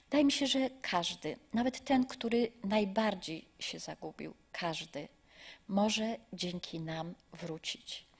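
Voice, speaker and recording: A middle-aged woman giving a lecture that includes a spoken story, talking in a measured, earnest way that often drops to soft near-whispers. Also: mid-range voice, husky.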